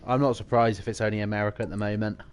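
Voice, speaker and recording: A man's voice: on the low side, steady tone, very fast, a little hiss or hum. A young man chatting casually to viewers on a live game stream, rambling and reading out messages as they come in. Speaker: livestreamer. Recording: music playing in the background.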